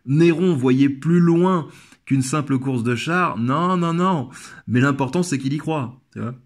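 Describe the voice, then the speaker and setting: A man's voice: a little high, measured pace. A man giving a comic book analysis in a familiar tone who speaks directly to the viewer and savors the lines he quotes. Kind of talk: video analysis commentary.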